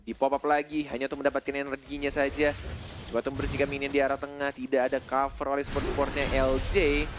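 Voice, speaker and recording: A man with an Indonesian accent calling live game action like a fighting game announcer, excitedly, with exclamations and drawn-out calls. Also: medium pitch, noisy background. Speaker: esports shoutcaster. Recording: game music behind the voice.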